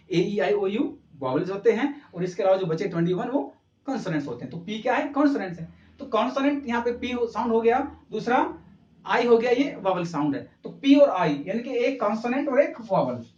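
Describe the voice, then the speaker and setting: Male teacher, high voice, quizzing himself as he teaches, recorded from a distance. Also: darkish tone. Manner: asks the class questions and answers them himself; mixes English terms into Hindi speech. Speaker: English teacher. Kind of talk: classroom lesson at a board. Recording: roomy, distant, slightly dull camera audio.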